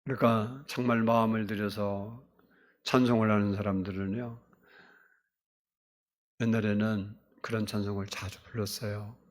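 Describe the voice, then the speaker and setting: A male pastor preaching a sermon, swinging between loud emphatic exclamations and soft, hushed asides. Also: lowish voice, little pitch movement, normal speed, pauses often.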